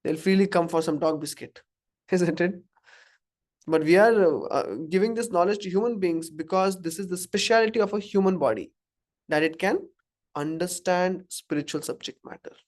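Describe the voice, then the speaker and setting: A man's voice: high voice, moderate pace. Indian man teaching a scripture class. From Karnataka, India. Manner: conversational, asks the audience questions, chuckles at own examples. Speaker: spiritual teacher. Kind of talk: informal scripture class talk. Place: room with a live audience.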